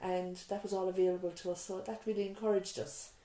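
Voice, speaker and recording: In a cramped island nurse's surgery, an Irish nurse and mother in middle age tells her story through reflective interview answers, warm yet full of restarts, asides and "you know". She speaks at medium pitch, flatly and quickly, on a low-quality recording with an echoey room.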